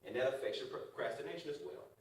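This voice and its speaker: A man's voice: mid-range voice, lively intonation, fast. A man talking to a class in a very echoey room. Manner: conversational and joking, with rhetorical "right?" questions. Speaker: speaker addressing college students. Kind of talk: motivational classroom talk. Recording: very echoey room from a distance, faint noise.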